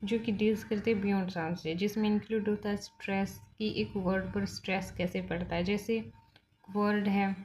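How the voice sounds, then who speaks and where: A woman's voice: mid-range voice, level tone, moderate pace, darkish tone. A woman teaching phonology for exam preparation, mixing Hindi with English in Indian-accented English. She explains step by step and keeps checking that her students follow. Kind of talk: bilingual exam-prep lecture.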